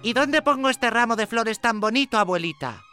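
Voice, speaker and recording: A man voicing a cheerful, naive little girl in a storybook reading, squeaky, eager and sing-song. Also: lively intonation, normal speed, sharp tone, soft background music, heavily acted.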